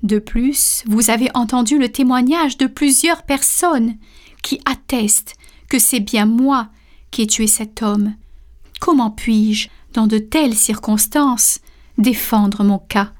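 Woman reading as a calm, resigned young man. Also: on the high side, slow pace. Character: young man, self-sacrificing twin, resigned. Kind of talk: storybook reading.

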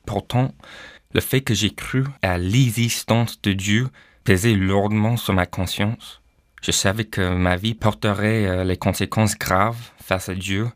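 Low-voiced hesitant man. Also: no room sound, studio quality. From Canada. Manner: hesitant, frequent "euh" fillers. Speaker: pastor, guest. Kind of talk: personal testimony.

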